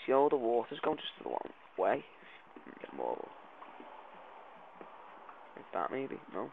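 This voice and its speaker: A man giving excitable, jumpy let's play commentary, swearing and yelling when startled. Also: medium pitch, slow, gravelly, slight background noise. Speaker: gaming video creator. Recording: tinny lo-fi mic sound.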